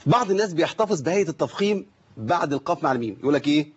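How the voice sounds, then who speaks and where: Husky Egyptian sheikh teaching recitation. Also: male voice, a little high, animated, darkish tone, highs cut off. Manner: explanatory, drawn-out recited demonstrations, rhetorical questions. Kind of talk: broadcast tajweed lesson.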